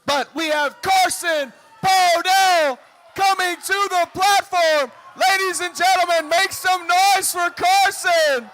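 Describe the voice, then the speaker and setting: A man works as a hype announcer at a powerlifting meet, his voice pitched extremely high as he belts out showman-like calls. He stretches out numbers and urges people on at an unhurried, deliberate pace, with crowd noise around him. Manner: booming, shouted showman's calls with drawn-out numbers and urging. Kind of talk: live sports announcing, hyping up the crowd. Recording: crowd noise in a live venue.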